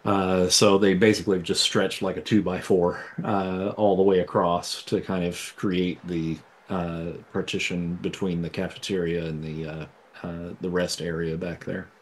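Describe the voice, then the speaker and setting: A man narrating as game master in a relaxed, descriptive way, filling pauses with uh. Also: low voice. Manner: relaxed, descriptive, with many fillers.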